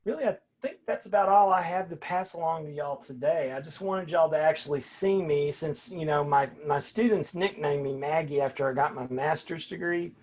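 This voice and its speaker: A man's voice: on the high side, normal speed, few pauses, darkish tone. An older man, a college philosophy instructor talking casually to his class over a video call, folksy and rambling, often restarting his sentences.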